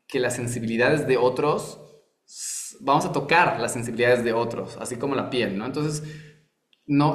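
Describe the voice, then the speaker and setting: Man teaching with roomy echo. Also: medium pitch. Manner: conversational, asks rhetorical questions, tags "¿no?". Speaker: Torah teacher. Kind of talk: online class talk.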